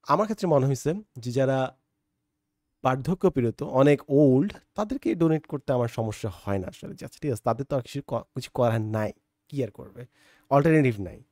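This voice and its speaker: A man's voice: medium pitch, expressive, fairly quick, a little mellow, no room sound, clean studio sound. A man from Bangladesh, giving a reflective conversational monologue and talking straight to the listener, with English words mixed in. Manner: conversational, mixes English into Bengali, addresses listener directly. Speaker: monologue host.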